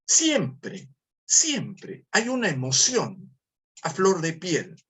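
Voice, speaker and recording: A Peruvian man speaks at a formative meeting, teaching through repetition and rhetorical questions. His voice is husky, and his pitch rises and falls in a lively way. He often slows down to stress a point. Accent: Peruvian Spanish. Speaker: lecturer. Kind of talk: formative lecture.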